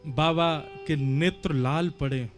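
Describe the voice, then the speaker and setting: High-voiced devotional storyteller. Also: male voice, takes it slowly, soft background music. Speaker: katha storyteller.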